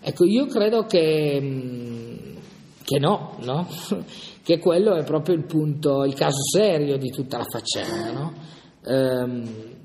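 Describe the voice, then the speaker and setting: A man's voice: medium pitch, lively intonation, slow, a little mellow, a little hiss or hum. Hesitant man teaching in an echoey hall. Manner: hesitant, thinking aloud, frequent "no?" asides. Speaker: Bible study leader. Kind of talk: informal Bible lesson with a reading. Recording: long reverb in a hall.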